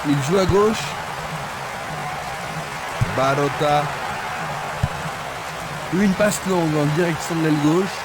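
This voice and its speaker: A man's voice: fairly high pitch, slow, pauses often. A man giving play-by-play football commentary in short, scripted phrases. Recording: loud stadium crowd noise behind voice. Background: roaring football crowd.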